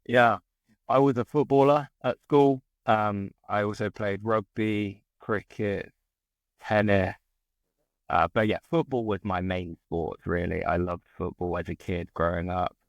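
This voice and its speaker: A man's voice: lowish voice, steady tone, unhurried, no echo. A man from southern England with a modern British RP accent, chatting casually and discursively as an interview guest. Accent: southern English RP. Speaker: interview guest, English teacher. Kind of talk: casual conversation.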